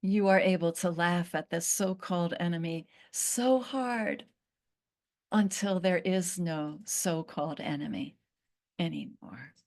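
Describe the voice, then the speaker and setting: A woman channeling a once-cursed fig tree spirit, speaking in a slow, earnest storytelling manner with long pauses. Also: on the low side, a little mellow.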